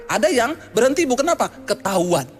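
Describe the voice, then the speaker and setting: A woman's voice: a little high, very animated, fairly quick. A woman pastor preaching a sermon, speaking animatedly, addressing the congregation directly with humorous asides.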